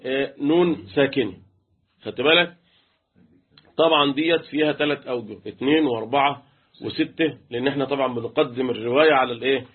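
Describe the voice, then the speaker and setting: Heard over a tinny phone-like line, an Egyptian-accented man quizzes his students on Quran recitation rules and chants letters during an interactive tajweed lesson. He's a fast talker with a husky, mid-range voice.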